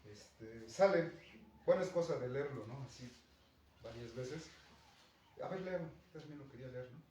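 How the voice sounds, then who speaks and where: A man's voice: medium pitch, animated, normal speed, a little mellow. Mexican male language teacher, patient classroom explainer, recorded from across an echoey room with faint hiss. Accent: Mexican Spanish. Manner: patient, checks in with "¿no?" and "¿sí?". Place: school classroom. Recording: echoey classroom, distant mic, faint noise.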